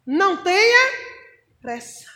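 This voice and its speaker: A high-voiced woman with a Brazilian Portuguese accent preaches in a room that rings with echo. She is animated and keeps turning to her listeners with direct questions. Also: takes it slowly. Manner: animated, talks straight to the congregation with rhetorical questions. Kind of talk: sermon.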